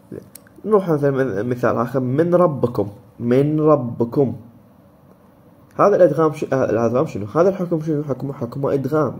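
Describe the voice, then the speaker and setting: A man's voice: mid-range voice, a little mellow. A man with an Iraqi Arabic accent teaching a recorded lesson on recitation rules, explaining step by step and answering his own questions.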